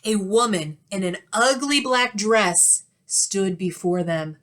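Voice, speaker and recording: A woman narrating a children's picture book aloud in an expressive style, with dramatic, deliberate emphasis. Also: medium pitch.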